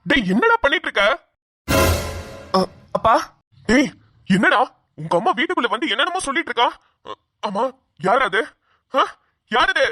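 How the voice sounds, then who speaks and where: A woman voicing an angry middle-aged father in a cartoon, who shouts and mocks. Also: fairly high pitch, very animated, moderate pace, pauses often, faint music behind, exaggerated voice. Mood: scolding. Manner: shouting, scolding, mocking. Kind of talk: cartoon voice acting.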